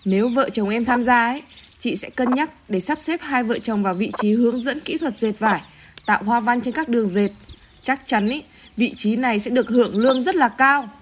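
Woman as a calm cooperative leader, gentle, persuasive, fairly high voice, noisy recording. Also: a little fast, lightly acted. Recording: noisy outdoor skit recording.

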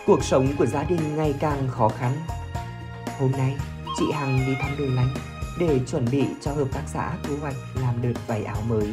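Man, narrator, scripted reading, steady, music behind. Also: mid-range voice, moderate pace. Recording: narration over background music.

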